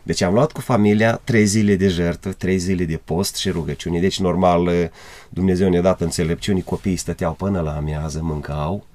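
A man from Moldova, a guest evangelist telling an emotional testimony, his voice climbing high as he retells dialogue. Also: steady tone, darkish tone, no room sound. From Republic of Moldova.

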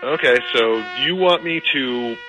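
A man's voice: medium pitch, unhurried, music in the background, rough recording. A man in a casual phone conversation, speaking hesitantly, stammering and repeating himself. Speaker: prank call target, hired odd-job worker.

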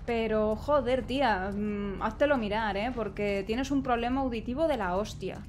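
A young woman, commentating her own gameplay with a high voice. She talks nervously to the characters on screen and exclaims often. Faint background noise sits behind her. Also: normal speed, darkish tone. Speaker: gaming streamer. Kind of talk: let's play commentary.

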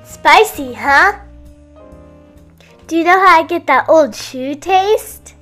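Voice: very high-pitched, lively intonation, slow, bright, forceful tone, soft background music, exaggerated voice. A performer voicing an eager, pushy cartoon character who coaxes a friend to taste slop. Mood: coaxing. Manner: coaxing, bouncy.

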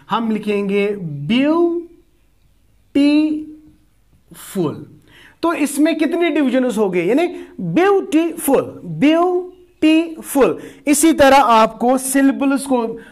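A man teaching a class, explaining step by step, asking and answering his own questions, and turning many sentences into rising checks with his students. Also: high-pitched. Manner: explains slowly, addresses students as "beta". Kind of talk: classroom lecture.

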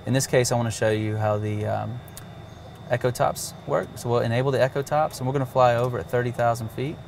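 He talks fast in a mid-range voice that's a little mellow, with vocal fry, fairly even intonation, and a little hiss or hum in the audio. The avionics demonstrator casually steps through a cockpit navigation system, plain in delivery and with occasional fillers.

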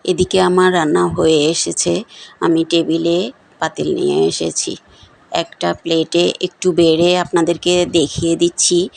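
A middle-aged woman narrating her cooking and family day in an unhurried, flat way with small pauses. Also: lowish voice, vocal fry, low-quality recording. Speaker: family vlogger.

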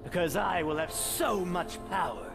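A man's voice: sits high, lively intonation, unhurried, music in the background. A man voicing a brooding, power-mad hedgehog antihero with pompous declamation in an improvised comedy game dub. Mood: menacing, petty.

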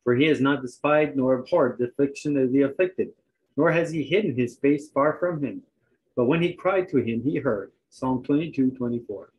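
A man preaching a sermon, reading scripture aloud and pausing in turns for an interpreter. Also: medium pitch, darkish tone, poor audio.

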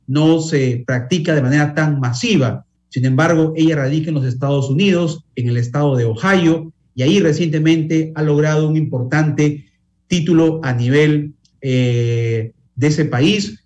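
A man's voice: a little high, unhurried, darkish tone, highs cut off. A middle-aged man, a news anchor hosting a live TV interview in a polished, formal presenter manner from a studio.

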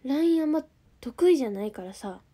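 A woman's voice: sits high, animated, a little fast, warm tone. A young woman with a Kansai accent chatting casually on a livestream, reading out viewer comments and answering them. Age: young adult. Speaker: idol group member streaming live.

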